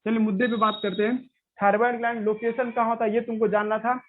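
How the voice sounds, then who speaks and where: A man's voice: high voice, level tone, fast, dry recording. Man lecturing on biology, tinny sound. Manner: explains step by step, asks and answers his own questions. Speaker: biology teacher. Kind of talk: classroom lecture. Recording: dry, tinny phone-like sound.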